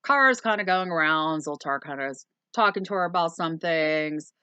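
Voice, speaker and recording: Woman co-host, lower-pitched, bright tone, rambling plot recap, dry room. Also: moderate pace, clear, resonant tone, no room sound, highs cut off. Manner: rambling, with frequent ums and plain swearing. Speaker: movie review co-host. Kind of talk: casual chat summarizing a movie plot.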